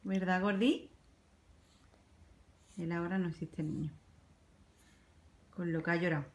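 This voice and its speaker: A woman's voice: lowish voice, steady tone, measured pace. A young woman filming a home family vlog, coaxing and cooing to her baby son between asides to the camera. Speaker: mother and family vlogger.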